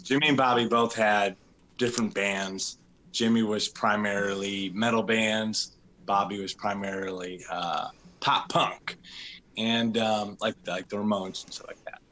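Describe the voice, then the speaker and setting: A man's voice: lowish voice, fairly even intonation, measured pace, bright, forceful tone. A man being interviewed about his band, talking in a laid-back way with frequent laughs. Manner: laid-back, laughs often, drawls words. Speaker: drummer and interview guest. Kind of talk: casual interview chat.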